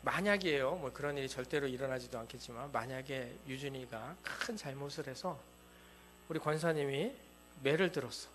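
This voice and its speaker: A man's voice: medium pitch, brisk, a bit bright, a little hiss or hum. A male pastor preaching a sermon in a church. He speaks emphatically and keeps asking the congregation rhetorical questions. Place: church sanctuary.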